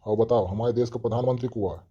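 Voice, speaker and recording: A man's voice: mid-range voice, fast talker, breathy edge, no room sound, lo-fi sound, close to an everyday voice. A man playing a scolding village schoolmaster, speaking with a tinge in a comedy skit. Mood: plain. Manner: loud, scolding.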